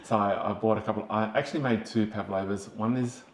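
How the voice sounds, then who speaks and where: A man's voice: lowish voice, steady tone, brisk, a little hiss or hum. A man with an Australian accent co-hosting a casual podcast chat, talking in a loose, chatty way with fillers and easy laughter. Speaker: podcast co-host. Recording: echoey room.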